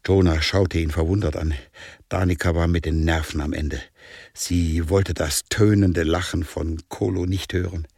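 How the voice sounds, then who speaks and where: A man narrating an adventure story in a playful, expressive reading style. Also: low-pitched, a little slow, creaky, dry recording, studio quality. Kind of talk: audiobook narration.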